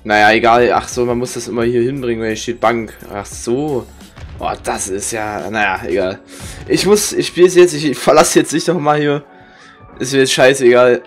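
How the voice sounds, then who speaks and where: A young man rambles casually as he plays a game for viewers. His voice sits at an average male pitch. He talks in slang, grumbles and swears freely, with music playing underneath. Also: steady tone, normal speed. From Germany. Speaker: gaming streamer. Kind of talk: casual rambling gameplay commentary. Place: indoor room with webcam.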